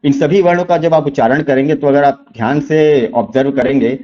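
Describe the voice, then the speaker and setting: A man teaching exam-prep lessons, walking through quiz questions step by step, asking rhetorical questions and repeating key answers slowly. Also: fairly high pitch, fairly even intonation, dark tone, lo-fi sound.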